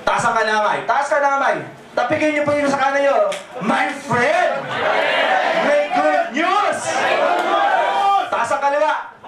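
A man with a Filipino accent giving a lively, joking motivational sales presentation, drawing call-and-response from the audience in a large hall. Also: extremely high pitch, unhurried, a crowd in the background, background noise. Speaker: business presenter. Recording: echoey hall, mic at a distance.

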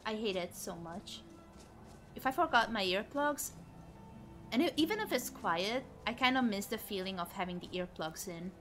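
A woman live streamer giving casual, expressive gameplay commentary and chatting with viewers, exclaiming and swearing freely. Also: medium pitch, normal speed, faint music behind.

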